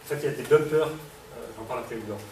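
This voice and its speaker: A man suffering from a cold shows off a robot to a hall audience, talking very fast in a medium-pitched, slightly mellow voice. His delivery is casual, packed with fillers and questions to the crowd, recorded with a distant mic in an echoey room amid background noise.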